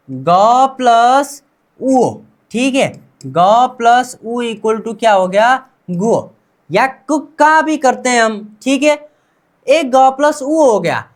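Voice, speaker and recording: A woman with an Indian accent teaching Korean pronunciation in Hindi, repeating each word many times and asking her students questions before giving the answer. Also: a little high.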